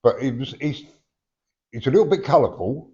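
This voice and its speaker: A man's voice: mid-range voice, animated, normal speed, darkish tone. A man working as a medium, giving a chatty, blunt reading in conversation, his words slightly slurred from having no teeth. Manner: blunt, chatty, often checking with "yeah?". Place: live event before a sitter. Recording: dull, lo-fi live recording.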